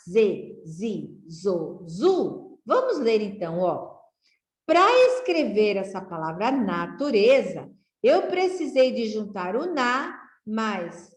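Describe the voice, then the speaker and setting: A Brazilian woman teacher giving a children's literacy lesson, reading aloud slowly in a sing-song way with rising exclamations. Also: mid-range voice, reverberant. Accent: Brazilian Portuguese.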